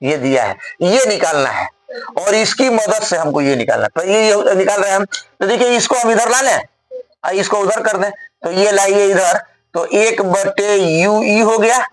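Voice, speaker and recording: A man's voice: sits high, normal speed, low-quality recording. A male physics teacher solving a problem on the board step by step in a classroom lecture, often checking whether his students follow.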